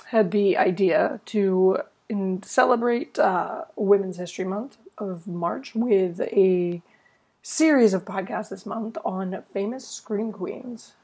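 A woman co-hosting a casual podcast with a hoarse, raspy voice worn out by a cold. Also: medium pitch, slow pace, dark tone. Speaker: podcast co-host.

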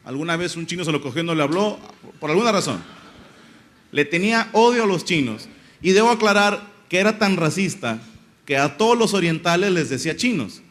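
A man's voice: high voice, expressive, brisk, fairly bright tone. A young man from Monterrey, doing a rambling, crude stand-up monologue full of slang. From Monterrey, Mexico. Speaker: comedian.

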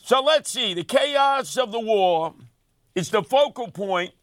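Brash, high-voiced older New man. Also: animated, slow pace, fairly bright tone, no echo, studio quality. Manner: brash, sarcastic, wisecracking. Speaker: radio talk host. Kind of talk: comic talk radio monologue.

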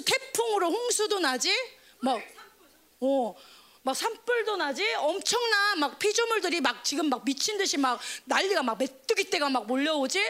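Woman preacher, very high voice, bright, animated sermon, quick questions to the crowd. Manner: animated, acts out nature crying and shouting in voices; asks the audience quick questions. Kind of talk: lively sermon to young people.

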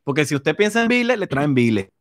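A young man hosting a casual live chat with friends, excitable and joking. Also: a little high, a little fast, dry recording, clean studio sound. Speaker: podcast host. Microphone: desk mic, live stream.

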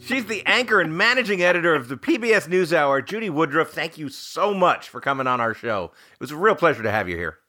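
A male comedy show host with a high, bright voice. He presents segments with lots of pitch movement, with faint music present. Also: big pitch swings, fairly quick, few pauses. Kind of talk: lively comedy show hosting.

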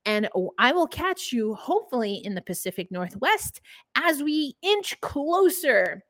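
A woman's voice: sits high, very animated, unhurried, fairly bright tone, dry recording. A woman with a New York accent hosting a casual hockey podcast, chatty and upbeat. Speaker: podcast host.

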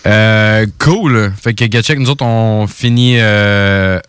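A man's voice: fairly low pitch, takes it slowly, fairly bright tone, clean tone, dry recording. A man with a Quebec French accent hosting a radio music show in slangy, hesitant casual chat peppered with English words. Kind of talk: casual chat introducing tracks.

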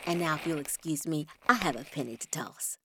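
An actress playing a bold, adventurous young woman motorcycle rider who tells her story in a calm, self-assured way. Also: low-pitched, fairly quick, background noise. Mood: confident. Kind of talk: audio drama acting.

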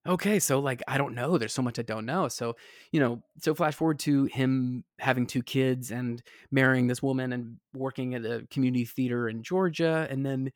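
A man's voice: medium pitch, normal speed, dry recording, studio quality. Rambling Southern-raised man telling stories. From American South. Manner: rambling with many fillers and restarts. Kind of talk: casual storytelling chat.

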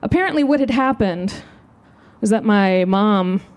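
A woman comedian telling a comic story live on stage, animated and self-mocking. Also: unhurried. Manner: animated, self-mocking, jumps into high voices. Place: live show outdoors.

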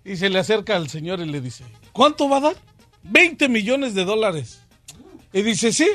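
A man's voice: high-pitched, big pitch swings, a little fast, fairly bright tone, soft background music. A man telling a long joke on a radio show, rambling with fillers. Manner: rambling storyteller with many fillers.

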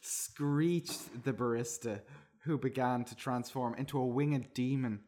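A man's voice: mid-range voice, steady tone, a little slow, a little mellow. A man reading a comic story aloud, slipping into silly voices and often laughing. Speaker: reader of a comedy story.

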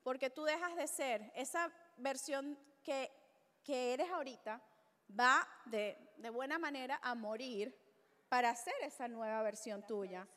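Bright-voiced woman hosting a live podcast. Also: high voice. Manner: lively, mixes English into Spanish. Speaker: podcast host. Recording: reverberant live venue.

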